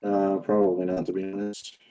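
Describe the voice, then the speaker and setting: A man's voice: low voice, completely flat delivery, a little fast, mellow, rough recording. A man chatting casually while playing a game with a friend, laid-back and asking for opinions on what he builds. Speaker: fellow player. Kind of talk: casual gaming chat.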